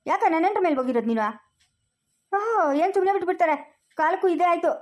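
A woman with a very high voice argues insistently and very fast. She plays a son who defends his wife in an amateur family drama. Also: animated, darkish tone. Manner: insistent, argumentative.

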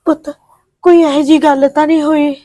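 A woman's voice: high-pitched, flat delivery, fairly quick, dark tone, no echo, close to an everyday voice. A woman playing a tender, forgiving older mother. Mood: anxious. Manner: pleading, tearful, soothing. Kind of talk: village drama acting.

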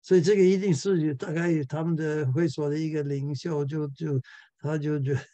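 A man's voice: on the high side, steady tone, normal speed, warm tone, no echo. A male pastor giving a church Bible class lecture, chuckling often and repeating words as he searches for the next one.

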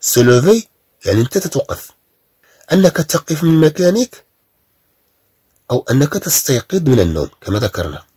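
A man with a Moroccan Arabic accent teaching French, explaining in Arabic and reading French sentences slowly, often repeating them. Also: mid-range voice, warm tone, breathy edge, dry recording, clean studio sound. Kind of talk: language lesson.

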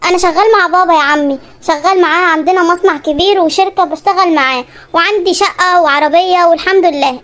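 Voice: extremely high pitch, quick pace, fairly bright tone. A voice actor playing a polite, eager young suitor in an Egyptian cartoon. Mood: boastful. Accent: Egyptian Arabic. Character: young Egyptian man courting, smooth talker.

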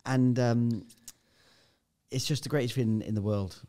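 A man's voice: mid-range voice, steady tone, unhurried, mellow. Man telling a story vividly. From United Kingdom. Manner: vivid storyteller, swears freely. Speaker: podcast guest. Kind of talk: casual chat, anecdote.

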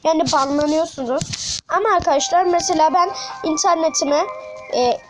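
A woman talking through a mobile game in casual commentary, chatty and excitable, addressing viewers as friends with frequent exclamations. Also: high voice, normal speed, music in the background. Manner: speaks directly to viewers as friends. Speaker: gaming channel host.

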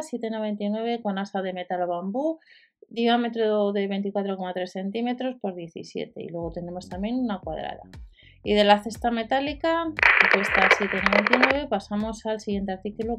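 Woman reading out store deals. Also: mid-range voice. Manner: listing prices and specs with fillers. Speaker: deals channel host. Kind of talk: product rundown voice-over. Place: voice-over over screen recording.

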